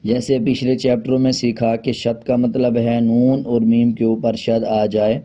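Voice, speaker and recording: A man teaching a Quran reading lesson, switching between brisk explanations and slow, drawn-out spelling of letters. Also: medium pitch, little pitch movement, dark tone. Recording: dull lo-fi sound.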